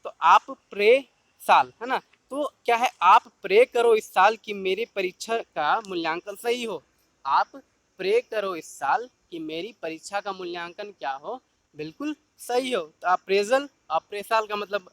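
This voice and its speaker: A man teaching exam vocabulary, drawing out each keyword slowly and repeating memory tricks. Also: sits high, pushed and bright, dry recording. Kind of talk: exam-prep vocabulary lesson.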